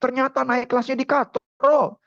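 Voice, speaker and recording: A man's voice: high-pitched, expressive, normal speed, no room sound, highs cut off, voice pushed up. A man playing an angry army father who scolds his lazy son in coarse slang. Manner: shouting, coarse Betawi slang.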